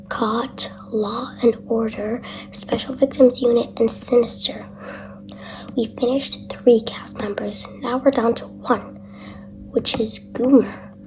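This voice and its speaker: A young woman speaks in a soft, hushed whisper, keeping her voice down late at night. She talks slowly in a chatty vlog manner, and her voice sits a little high. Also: rough recording. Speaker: vlogger.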